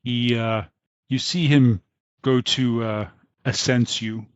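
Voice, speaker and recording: A man narrating as game master of a tabletop game, pausing often with fillers. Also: medium pitch, fairly even intonation, dry recording, highs cut off. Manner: hesitant with many fillers.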